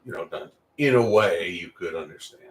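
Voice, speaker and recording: A man's voice: deep voice, expressive, normal speed, roomy sound. A man co-hosting a casual livestream discussion, joking and playful. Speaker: co-host.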